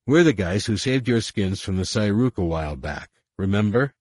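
A man's voice: fairly low pitch, lively intonation, normal speed, darkish tone, no echo, clean studio sound, pitched above the performer's own voice. A man doing a brash, hot-tempered pilot. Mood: angry. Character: hot-tempered roguish male starship pilot.

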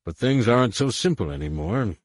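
A man's voice: on the low side, sing-song, a little fast, dry recording, studio quality, pitched above the performer's own voice. A man doing a stiff, blustering general. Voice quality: formal, blustering. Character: stiff, pompous male military general.

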